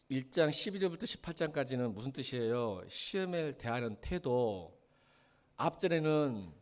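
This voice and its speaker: A middle-aged man preaching a sermon as pastor, asking the congregation questions and swinging from soft asides to loud emphatic lines. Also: medium pitch. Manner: animated, questions the congregation and answers himself.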